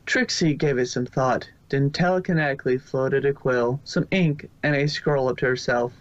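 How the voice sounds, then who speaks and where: Narrating a fan fiction story from a script, a man sometimes stumbles and says a word again. He speaks at a moderate pace in a mid-range voice, recorded at home in dull lo-fi quality without echo.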